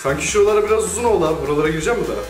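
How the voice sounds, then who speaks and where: A young man with an animated, fairly high voice banters casually as a customer in the chair. The barbershop is echoey and music plays clearly behind him. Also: rapid-fire, recorded from a distance. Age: young adult. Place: indoor barbershop. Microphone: camera a few steps away.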